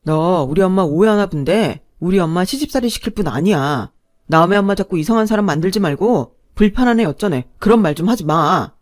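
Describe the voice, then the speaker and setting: A woman's voice: on the low side, expressive, a little fast, darkish tone, natural voice. An irritated young husband, as a woman narrator puts him on, blunt and sarcastic. He talks back in a spoken family drama. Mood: defensive.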